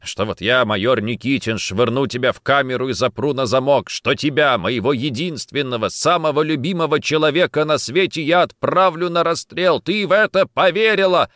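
A man's voice: normal speed, no echo, clean studio sound, close to an everyday voice. A male audiobook reader voicing a stern police major who questions coldly and insistently. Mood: impassioned. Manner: cold, insistent questioning, low and quiet at times. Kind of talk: audiobook character reading.

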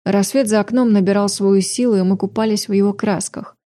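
A woman narrating a first-person romance novel in an audiobook, in a steady, intimate reading. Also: medium pitch, a little fast, no room sound, studio quality.

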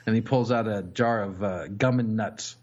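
A man's voice: lowish voice, normal speed, a little mellow, muffled recording. A young adult man hosting a podcast in casual chat, rambling and cursing with lots of fillers. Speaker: podcast host.

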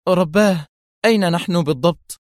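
A man's voice: on the high side, steady tone, moderate pace, no echo, clean studio sound, voice pushed up, lightly acted. A man putting on an alarmed young woman. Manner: exclaiming, anxious. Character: young woman waking in alarm, breathless and anxious.

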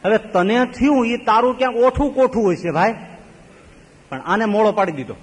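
A male swami giving a devotional sermon full of stories, swinging from loud exclaiming to low murmurs. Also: moderate pace, husky. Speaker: swami preacher. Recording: long hall reverb.

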